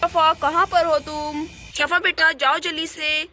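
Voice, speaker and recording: A woman's voice: sits high, little pitch movement, unhurried, pushed and bright, slight background noise. A woman voicing a flustered, apologetic father and henpecked husband in a doll play, pleading with his family.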